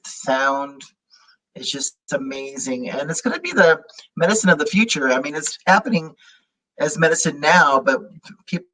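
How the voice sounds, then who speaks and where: A non-native English-speaking man, a sound healer, talking in a halting way with many restarts while he searches for words. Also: on the high side, lively intonation, sharp tone, poor audio. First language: not English. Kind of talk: casual interview chat.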